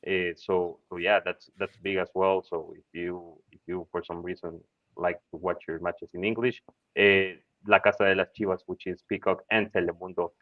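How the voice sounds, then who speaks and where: A man co-hosting a live fan show, chatting in a self-deprecating, halting way. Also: sits low, level tone, no room sound. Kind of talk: casual live-stream chat. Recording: dry, dull lo-fi sound.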